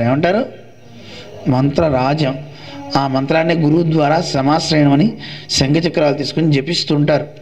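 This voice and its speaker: Male religious teacher, higher register, question-and-answer preaching style, muffled lo-fi sound. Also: darkish tone. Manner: explains with questions he answers himself, chants names aloud. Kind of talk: devotional discourse. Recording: dull lo-fi recording.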